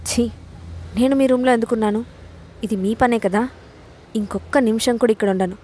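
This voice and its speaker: A woman reading the part of a fiery young bride who is quick to flare up and sulks like a child. Her voice sits at a middle pitch in this audio-story telling. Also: steady tone, warm tone, slight background noise, lightly acted. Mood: fiery, petulant.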